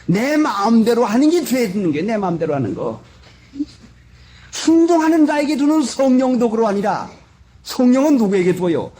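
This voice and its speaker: A man's voice: very high-pitched, warm tone. An older male pastor gives a revival sermon, asking the congregation rhetorical questions and acting out quotes, recorded in a church on an old tape. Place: church sanctuary.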